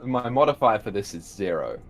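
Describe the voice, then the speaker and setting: A man's voice: fairly low pitch, sing-song, brisk, loud music behind the voice. A man playing a tabletop role-play game, chatting casually with some swearing.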